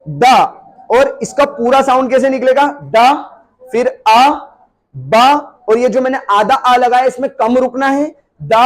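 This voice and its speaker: A man teaching English pronunciation in a classroom, speaking with an Indian English accent and repeating each sound many times for his students. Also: very high voice.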